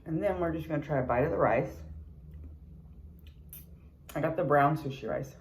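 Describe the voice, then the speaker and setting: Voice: mid-range voice, animated, normal speed, a little hiss or hum, low-quality recording. A mukbang vlogger in a casual eating video, chatting between bites with lots of chewing murmurs and candid, sweary remarks.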